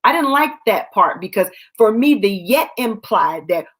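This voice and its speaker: A woman's voice: mid-range voice, animated, normal speed, a bit bright, breathy edge. A woman giving casual Bible teaching as host of her web show, talking conversationally and acting out scripture scenes in quoted voices.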